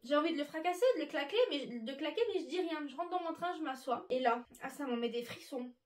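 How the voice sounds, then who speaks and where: A woman telling a story to her viewers while sorting her clothes, chatty and animated. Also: high voice, fast talker. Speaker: vlogger. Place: bedroom with wardrobe. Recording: echoey room, mic at a distance.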